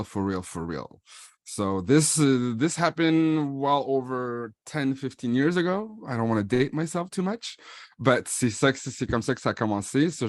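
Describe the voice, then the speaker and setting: This clean studio recording, free of echo, features a medium-pitched man in his thirties with a Franco-Ontarian French accent. Born in Paris and raised in Ottawa, he presents himself and his music in a laid-back vlog, moving between French and English with relaxed fillers.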